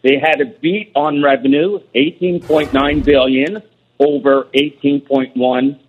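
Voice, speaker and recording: A man's voice: a little high, fairly even intonation, unhurried, a little hiss or hum. A man calling into a show, reading figures carefully. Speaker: caller. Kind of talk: phone-in question. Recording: tinny phone line.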